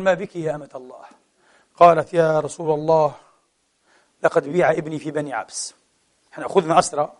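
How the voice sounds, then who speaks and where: Man, preacher, high voice, animated sermon with rhetorical questions. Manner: animated, switches between classical Arabic and colloquial asides, rhetorical questions. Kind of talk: Friday sermon to a congregation.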